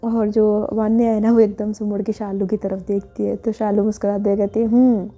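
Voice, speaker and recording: A woman's voice: mid-range voice, completely flat delivery, fairly quick, dark tone. A woman storyteller narrating a serialized story in a chatty, intimate way. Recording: dull lo-fi with faint music.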